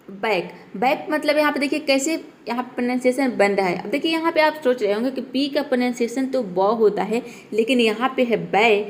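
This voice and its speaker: Patient woman teaching phonics, high voice. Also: a little hiss or hum. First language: Hindi. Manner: patient, repeats "ठीक है" after each point. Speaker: English teacher. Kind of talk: step-by-step phonics lesson.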